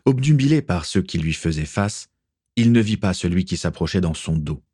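A man narrating an adventure story in a steady, even reading voice. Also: deep voice, moderate pace, breathy edge, no echo, clean studio sound. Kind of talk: audiobook reading.

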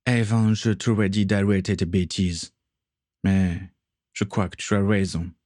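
A man's voice: deep voice, little pitch movement, a little mellow, no echo, studio quality. A man voicing a remorseful, earnest young man in a read-aloud story. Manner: slow, deliberate.

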